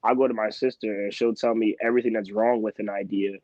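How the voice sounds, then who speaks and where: A young man in his twenties from Philadelphia, a guest in a casual interview, telling stories in an animated, emphatic way. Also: fairly low pitch, fast, dry recording. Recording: slightly dull, muffled sound.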